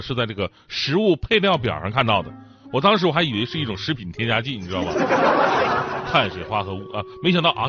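A man hosting a comic monologue in a chatty, joking way, with thick, swollen-tongued speech from a sore mouth. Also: mid-range voice. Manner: chatty, joking, laughs as they talk. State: mouth ulcer. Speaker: stand-up talk show host. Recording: dull lo-fi sound, faint music behind.

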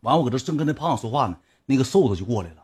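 Brief: young male storyteller, Northeastern Mandarin accent, very lively pitch, faint music underneath. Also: very fast. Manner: animated, swings from low mumbles to high excited bursts. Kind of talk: casual anecdote telling.

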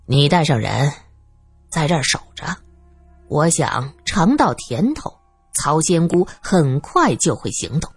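A woman doing a sardonic, lower-voiced male detective. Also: sing-song, measured pace, husky, no room sound, soft background music, exaggerated voice. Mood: commanding. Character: brusque male detective chief, dry and sarcastic.

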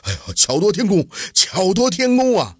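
A man storyteller voicing an anxious, flustered provincial official who frets excitably. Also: mid-range voice, fairly quick, breathy edge, no echo, studio quality, voice pushed down. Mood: fretful. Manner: excitable and fretful.

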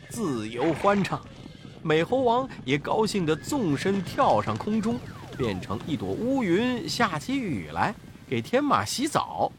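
A man narrating a classic children's story in an expressive, sing-song way. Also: on the high side, a little hiss or hum.

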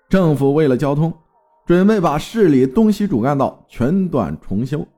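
A man's voice: medium pitch, warm tone. A man from Fujian narrating a folk tale in a dramatic storytelling manner. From Fujian, China.

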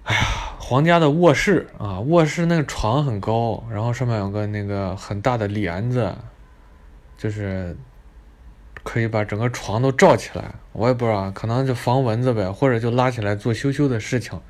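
A man's voice: medium pitch, normal speed, darkish tone. Crude, ranting male storyteller. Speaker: comic storyteller. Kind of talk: comedic monologue storytelling.

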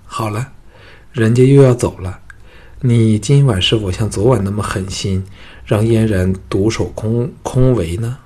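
Audiobook role: coquettish young woman, playful and teasing, read by a man in a low, husky voice. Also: a little slow, a little mellow.

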